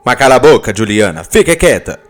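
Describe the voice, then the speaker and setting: A man voicing a jealous, hot-tempered Italian husband with an Italian accent, fast and scolding. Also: medium pitch, very animated, soft background music, lightly acted. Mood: angry.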